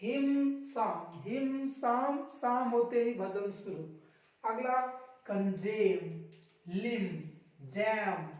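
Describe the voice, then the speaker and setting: A man's voice: very high-pitched, darkish tone. A male English teacher giving a classroom lesson, repeating words and quizzing his listeners. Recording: very echoey room, far from mic, dull sound.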